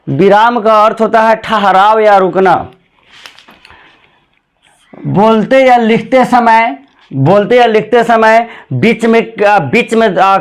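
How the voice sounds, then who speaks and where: A man's voice: sits high, clear, resonant tone. A man teaching grammar in a classroom lecture, repeating points and often calling his students "bhai". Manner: repetitive, drawn-out explanations with frequent "bhai".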